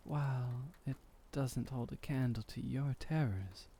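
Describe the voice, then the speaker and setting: Calm and reassuring, a male vampire voiced by a man murmurs comfort in a mid-range, natural, dark and velvety tone, very unhurried. His soft, soothing ASMR roleplay uses old-fashioned formal phrasing and breathy sighs, with light background noise behind him.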